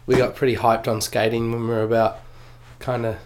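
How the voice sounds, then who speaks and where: A man in his forties with a New Zealand accent, a guest in a casual interview, talking in a relaxed, slangy way with lots of fillers. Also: mid-range voice, brisk, a little hiss or hum. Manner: laid-back slangy, many fillers and swearing. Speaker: guest snowboarder.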